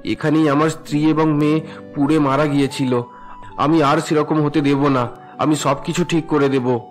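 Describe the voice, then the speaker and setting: A man voicing a drunken husband in a cartoon, gruff and demanding, at times pleading. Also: fairly high pitch, fairly even intonation, normal speed, faint music behind, natural voice. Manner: demanding and gruff with his wife, pleading with God. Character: drunken husband, male, bullying then repentant.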